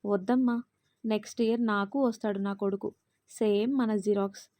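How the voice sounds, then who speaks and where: A woman's voice: medium pitch, flat delivery, moderate pace, dark tone, no echo, natural voice. A woman voicing a caring young husband in a storybook reading, soothing and reassuring. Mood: teasing. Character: caring young husband, teasing yet steady.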